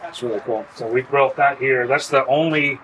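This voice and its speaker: A man who grew up with pottery, explaining in a relaxed, easygoing way and laughing easily. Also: medium pitch, normal speed, rough recording. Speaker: potter and kiln site host. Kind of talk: casual interview. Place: outdoors at a kiln festival. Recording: outdoor festival with crowd behind.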